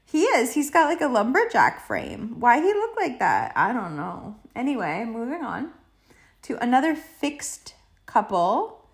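A woman hosting a podcast alone, chatting casually and loosely with playful slang, swearing and drawn-out emphasis. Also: fairly high pitch, wildly swooping pitch, vocal fry. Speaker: podcast host. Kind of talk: casual rambling solo chat.

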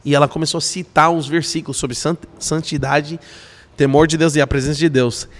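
A young man, a podcast guest, telling stories in a casual, animated way and acting out the voices in them. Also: fairly high pitch, brisk. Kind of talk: casual storytelling. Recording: long hall reverb.

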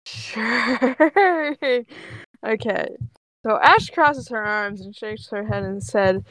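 Slow laid-back woman co-host. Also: medium pitch, a bit bright, dry recording. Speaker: podcast co-host. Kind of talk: casual chat and reading fanfic aloud.

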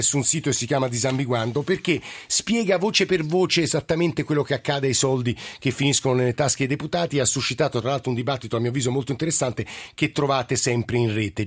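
A man hosting live talk radio in a polite, formal and wordy way. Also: medium pitch. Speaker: radio host. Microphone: studio microphone.

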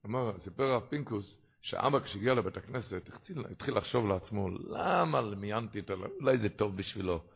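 A man preaching a sermon, telling stories and rising to loud, animated retellings. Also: fairly low pitch, vocal fry, few pauses, breathy edge. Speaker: rabbi. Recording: dull lo-fi recording.

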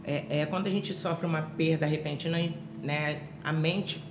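Here a podcast interview guest from Rio de Janeiro, Brazil, delivers her personal testimony at normal speed in a low voice with fairly even intonation. Fillers and restarts are frequent. The background is noisy, with echo and music behind her.

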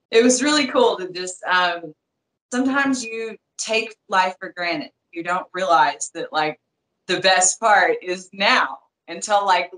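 Woman, 30s, light Southern US accent, lowish voice, rambling casual guest. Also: a bit bright, low-quality recording. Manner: rambling, many fillers and restarts. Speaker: guest, former boxing champion. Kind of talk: casual interview chat.

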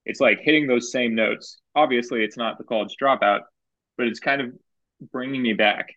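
A man with a middle-pitched voice rambles through his thoughts, leaning on "like" and tossing in curses. His sound comes through dull and muffled, as from a lo-fi mic. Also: normal speed, sharp tone, no echo. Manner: rambling with many fillers and casual swearing. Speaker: podcast co-host. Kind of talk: casual chat.

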